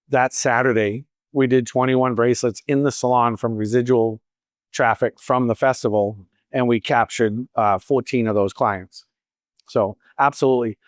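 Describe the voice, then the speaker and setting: This clip is clean studio sound with no room noise, carrying a mid-range male voice. He's a fifty-something salon owner from Boston, lightly accented, chatting casually through a Q&A at a training event. He answers the crowd's questions and tells stories with wry asides.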